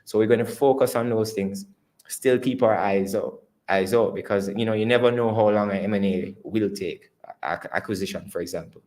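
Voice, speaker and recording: On an earnings call, a company executive with a Jamaican accent presents and takes questions in a conversational way, often repeating and rephrasing himself. His voice sits fairly low, with a darkish tone and a moderate pace.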